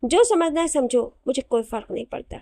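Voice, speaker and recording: Bitter hurt young wife voiced by a woman, cold reproachful tone, higher mellow voice. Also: very animated, fairly quick, no room sound, clean studio sound.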